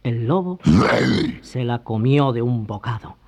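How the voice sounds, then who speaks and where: Unhurried, animated fairy-tale narrator over soft music, slightly muffled. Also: medium pitch. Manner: unhurried and lively. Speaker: storyteller.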